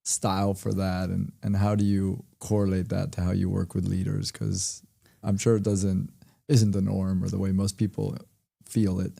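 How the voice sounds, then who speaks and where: Host, deep gravelly flat voice, halting questions. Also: male voice. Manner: halting, restarts phrases. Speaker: podcast host. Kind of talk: casual interview questions.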